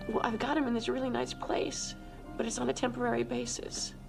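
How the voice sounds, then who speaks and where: A scheming younger woman in a TV crime drama. Her voice is creaky and sometimes breathy, with a cool, seductive control. A music score plays behind her. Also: on the high side, level tone, brisk. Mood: pleading, calculated. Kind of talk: television crime drama acting.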